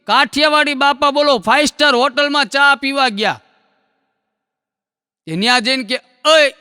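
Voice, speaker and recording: A man telling jokes on stage, in folksy storytelling that acts out characters in quick dialogue. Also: very high-pitched, sharp tone, no room sound, long reverb tail. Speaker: stand-up comedian.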